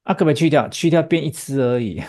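A woman with a low-sitting, warm voice teaches English pronunciation, speaking rapid-fire with lively intonation. She explains patiently in Chinese, drills every word with a student, and throws in rhetorical checks in this bilingual lesson.

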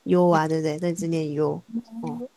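A woman teaching a Korean class over a video call, patient and encouraging, sounding words out slowly and repeating them. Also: low-pitched, animated, warm tone, dry recording. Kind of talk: online language lesson.

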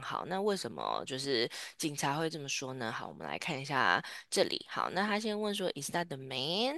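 A woman's voice: extremely low pitch, fairly bright tone, no echo, clean studio sound. A woman teaching an English lesson. She patiently explains grammar and starts nearly every phrase with "好".

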